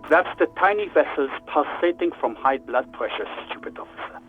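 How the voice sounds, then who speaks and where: Spöttischen, gelangweilten Polizeiarzt. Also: male voice, on the high side, lively intonation, normal speed, soft background music. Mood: sardonic. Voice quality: dry, dismissive and sardonic. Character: sarcastic, bored male police doctor. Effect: radio transmission. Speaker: station doctor. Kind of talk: video game voice acting. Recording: tinny radio line.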